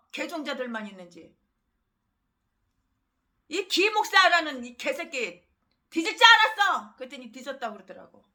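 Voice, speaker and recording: High, bright-voiced woman preaching fiercely. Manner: ranting, swinging between loud bursts and low trailing drops. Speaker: pastor. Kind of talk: fiery sermon.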